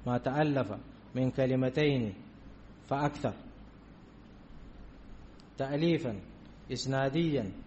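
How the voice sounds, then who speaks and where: A man's voice: medium pitch, darkish tone, a little hiss or hum. A man teaching a grammar lesson, repeating key terms and often checking that his students understand. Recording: dull lo-fi recording.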